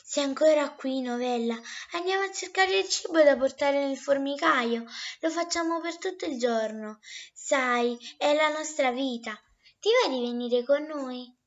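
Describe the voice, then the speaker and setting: A woman voicing a brisk, bossy but caring female ant in a storybook, shrill and urgent. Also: dull audio. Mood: friendly.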